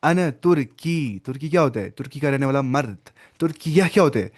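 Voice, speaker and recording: A man's voice: mid-range voice, lively intonation. A man teaching an online language class, explaining step by step, mixing in English words and quizzing his students by name. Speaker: Arabic teacher.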